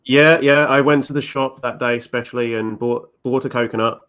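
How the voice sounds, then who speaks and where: A man's voice: medium pitch, steady tone, brisk, fairly bright tone, clean tone. A man chatting as a guest on a show, with many ums and restarts as he explains his plans. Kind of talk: casual chat.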